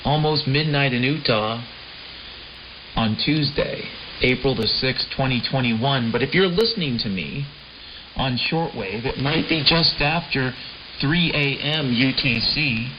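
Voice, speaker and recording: Unhurried and wry, an American man hosts a rambling late-night shortwave show at medium pitch, repeating phrases and tossing out rhetorical questions. Prominent piano-like keyboard music sits over the dull, lo-fi, noisy recording.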